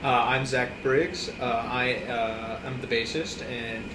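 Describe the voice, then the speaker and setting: A man's voice: medium pitch, little pitch movement. Earnest young man heard from afar. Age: young adult. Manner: earnest, halting, many "uh" pauses. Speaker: bassist guest, music student. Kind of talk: casual interview answers. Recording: echoey room, far mic, background hum.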